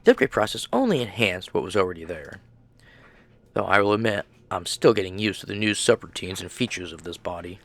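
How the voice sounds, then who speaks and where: A man voicing a composed, polite female animatronic dancer with a measured delivery. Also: sits low, very animated, fairly bright tone, heavily acted.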